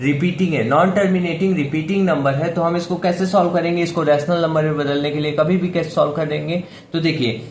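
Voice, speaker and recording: A man's voice: a little high, fairly even intonation, a little fast, hardly any pauses. A man teaching a math lesson step by step. He talks patiently and keeps asking and answering his own questions. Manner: patient, repeats questions to the viewer, says "theek hai" often. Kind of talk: step-by-step classroom explanation. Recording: echoey room with faint background hiss.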